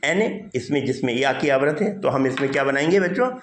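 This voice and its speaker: A man's voice: medium pitch, expressive, brisk. A male English teacher giving a grammar lesson, explaining step by step and asking his students questions that he then answers himself. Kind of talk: classroom grammar lesson in Hindi. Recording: roomy echo.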